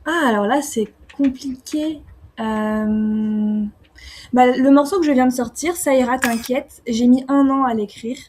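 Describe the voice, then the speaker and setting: A young woman from France answering interview questions casually, often pausing with fillers and restarting her sentences. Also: high voice, darkish tone, slight background noise. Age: young adult. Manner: hesitant, many fillers and restarts. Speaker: singer-songwriter guest.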